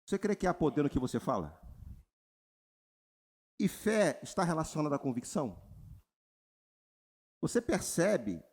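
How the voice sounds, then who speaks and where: A Brazilian man preaching a sermon as pastor, calling on the congregation for responses and mimicking people's prayers. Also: slightly rough. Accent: Brazilian Portuguese. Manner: animated preaching, mimics congregants in high voices, asks crowd for response. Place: church retreat service.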